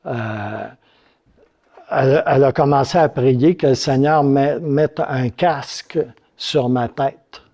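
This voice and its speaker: A man's voice: mid-range voice, slow pace, dark tone. A man with a Quebec French accent preaching a sermon, telling a personal story in a casual, rambling way with many fillers. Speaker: pastor.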